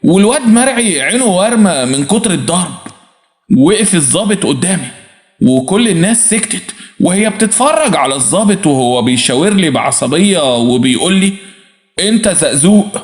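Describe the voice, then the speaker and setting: A man with an Egyptian accent narrating a dramatic story in the first person, in an expressive, vivid colloquial way. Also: high voice, brisk. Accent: Egyptian Arabic. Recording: roomy echo.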